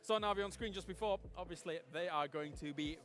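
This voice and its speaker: High-voiced man hosting an esports studio. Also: fast talker, a bit bright. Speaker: studio host.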